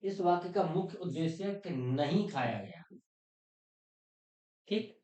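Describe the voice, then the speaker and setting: A man's voice: fairly high pitch, lively intonation, measured pace, warm tone. Guy teaching grammar, patient, asks questions, sounds far off in a roomy space. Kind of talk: informal grammar lesson. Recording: echoey room, distant mic.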